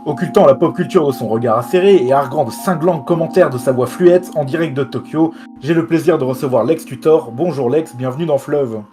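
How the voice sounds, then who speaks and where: Higher-pitched man hosting over music. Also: brisk, few pauses, dark tone. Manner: formal, ornate wording. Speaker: podcast host, interviewer. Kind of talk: scripted podcast introduction and questions.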